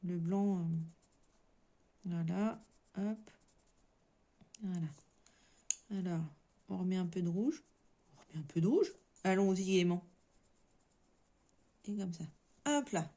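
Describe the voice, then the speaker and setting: A woman's voice: on the low side, takes it slowly, long pauses, dark tone. A woman with a French accent hosting a casual coloring-along, chatting and thinking aloud as she works. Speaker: coloring channel host.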